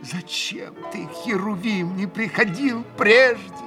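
A man's voice: high-pitched, takes it slowly, over music, pitched above the performer's own voice. A man reading an audiobook, voicing a proud, passionate young woman who swings into hysterical outbursts. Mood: anguished pleading. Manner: fierce, sobbing outbursts.

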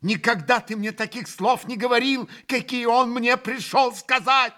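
A man's voice: extremely high pitch, moderate pace, sharp tone, pitched above the performer's own voice. A man reading an audiobook, voicing a proud, passionate young woman who swings into hysterical outbursts. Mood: furious. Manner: fierce, sobbing outbursts.

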